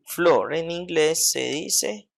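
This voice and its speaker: Man, English teacher explaining grammar in Spanish, slightly high voice, slow unhurried pace, keeps checking understanding. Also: creaky. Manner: checks understanding with frequent "¿sí?" and "¿cierto?"; says English examples slowly and carefully.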